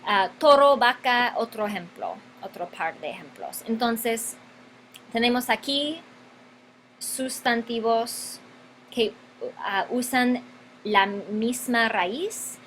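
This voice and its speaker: Brief: woman teacher, bright and fairly high voice, slow and deliberate grammar lesson. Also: a little hiss or hum, low-quality recording. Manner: slow, deliberate, stretches key words and repeats them. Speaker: Spanish teacher.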